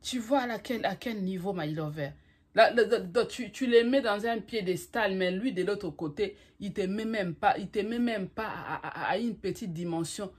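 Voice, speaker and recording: A woman vlogger delivers a motivational talk to camera full of relationship advice, emphatic and repetitive, calling the listener "my lover." She speaks French mixed with English phrases in a mid-range voice at a moderate pace, with a breathy edge.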